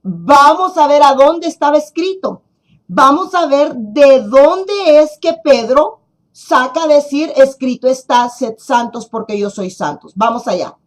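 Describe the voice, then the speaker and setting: A woman teaching a Bible lesson to her congregation, slow and deliberate, repeating and stressing key words. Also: sits high, animated.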